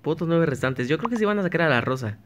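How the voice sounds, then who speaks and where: A slightly high, expressive, fast-talking man gives casual gameplay commentary over a little hiss or hum. This YouTuber chats to himself and his viewers as he plays and often restarts his sentences.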